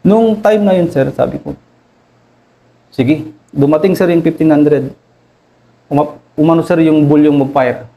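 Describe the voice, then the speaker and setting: A Filipino army officer with a Filipino accent, recounting combat in an interview, deferential and halting, adding "sir" to nearly every phrase. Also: male voice, a little high, lo-fi sound. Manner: deferential, says "sir" constantly, halting with many fillers. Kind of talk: interview storytelling.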